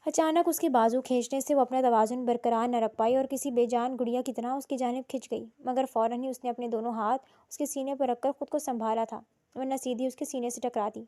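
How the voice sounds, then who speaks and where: A woman's voice: a little high, dark tone. A woman reading a romance novel aloud, giving feeling to the lines of both characters. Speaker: narrator.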